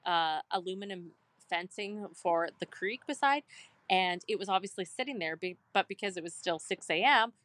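A woman in her thirties chats on a podcast, spinning a loose story peppered with "like". Her voice has a bright, clear edge, and it sounds close and dry. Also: fairly low pitch, lively intonation, normal speed, no echo. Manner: rambling storyteller, heavy use of "like". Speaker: podcast co-host. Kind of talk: casual podcast chat.

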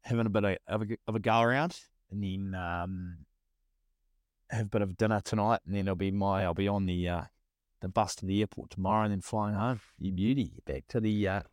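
A man with a broad Kiwi accent and a fairly low voice talks casually. He rambles, circles back over his own phrases and leans on laid-back slang. The sound is dry, with little room on it. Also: moderate pace, no room sound. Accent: New Zealand. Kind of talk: casual chat.

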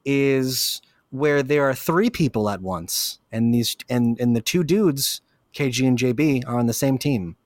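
A man co-hosting a podcast in casual chat, rambling and swearing, quick to jump into loud silly voices. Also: medium pitch, dry recording, clean studio sound. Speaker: podcast co-host.

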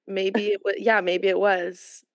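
A hungover American woman in her twenties with a worn voice and vocal fry, chatting casually as a podcast co-host. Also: mid-range voice, level tone, unhurried, no room sound, studio quality. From San Francisco Bay Area, USA. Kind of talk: casual chat.

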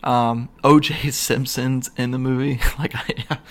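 A man's voice: mid-range voice, fairly even intonation, takes it slowly. A man hosting a podcast, chatting casually about comedy movies, rambling with lots of fillers and restarts, chuckling as he retells scenes. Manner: laughs while retelling scenes. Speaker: podcast host.

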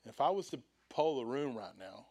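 Animated middle-aged man preaching a sermon. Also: mid-range voice, moderate pace, slightly rough. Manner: animated, acts out quoted voices, rising and falling loudness. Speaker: pastor. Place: church.

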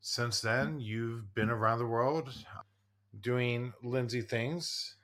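A man's voice: mid-range voice, steady tone, slow pace, a bit bright. A man in his forties co-hosting a podcast, talking in a rambling, casual way full of fillers. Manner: rambling, many fillers and restarts. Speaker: podcast co-host, therapist. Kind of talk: casual chat.

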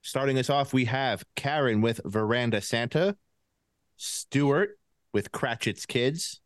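A man's voice: medium pitch, takes it slowly, no echo, clean studio sound. A man with a lisp hosting a casual podcast game, laughing often as he runs the draft.

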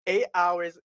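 A man's voice: sits high, fairly bright tone, highs cut off. A young man, a podcast co-host, telling an embarrassing story in casual chat and laughing often. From Cambodian heritage, United States.

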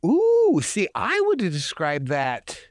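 A man's voice: wildly swooping pitch, a little slow, no echo, clean studio sound. A man co-hosting a casual film podcast, chatty and full of fillers. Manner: wide-swinging pitch, chatty with fillers. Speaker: podcast co-host.

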